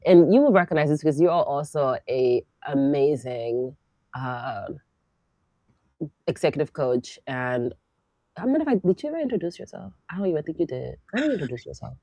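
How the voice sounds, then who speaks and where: A woman hosting a casual conversation, reflective and lively, laughing often. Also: deep voice, moderate pace, no echo. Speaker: podcast host and coach.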